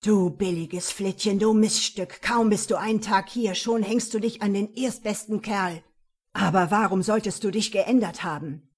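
A woman reading aloud and voicing a violent, jealous man who snarls and shouts his accusations. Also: mid-range voice, moderate pace, husky, lightly acted. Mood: furious. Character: jealous, violent adult man, menacing and possessive.

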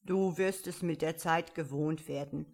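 A woman voicing a curt, contrary caterpillar in a storybook reading, speaking slowly and bluntly. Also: low voice, fairly even intonation, gravelly, a little mellow, heavily acted. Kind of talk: audiobook character voice.

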